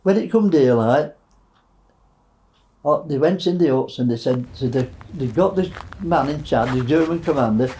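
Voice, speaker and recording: A man in his nineties, a war veteran recounting wartime memories in a halting way, with many fillers. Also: fairly high pitch, lively intonation, dark tone, slight background noise, poor audio. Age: 90s.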